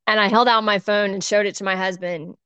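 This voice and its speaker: A woman's voice: mid-range voice, steady tone, brisk, bright, forceful tone, smooth, no echo, highs cut off. A middle-aged woman, a church volunteer sharing an earnest, emotional personal testimony. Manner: earnest, emotional, gets choked up.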